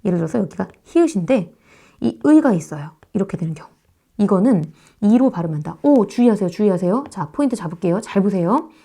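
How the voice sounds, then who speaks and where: Woman teaching in a mellow, steady voice. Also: mid-range voice. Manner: explains slowly, repeats sounds to demonstrate pronunciation; addresses students directly, checks understanding. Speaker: Korean grammar teacher. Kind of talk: online lecture.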